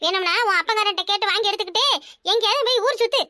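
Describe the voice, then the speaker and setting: A woman's voice: bright, forceful tone, no room sound, studio quality. A woman voicing a harsh, worn-out village mother in a cartoon, with a Kanyakumari Tamil accent and a scolding, threatening way of talking. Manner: shrill scolding, threatening, rapid-fire. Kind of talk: cartoon voice acting.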